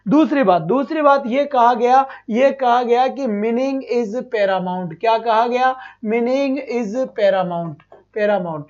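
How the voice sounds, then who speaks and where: A male teacher runs an online exam-prep class, posing questions and answering them himself, repeating every point and praising the students as his children. His very high voice is slightly mellow and slow-paced with few pauses, and the audio sounds dull.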